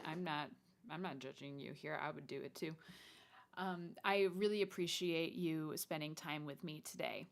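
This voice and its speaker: A young adult woman hosting a podcast solo, talking casually and chattily, straight to the listener. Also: lowish voice. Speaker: podcast host. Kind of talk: conversational solo podcast monologue.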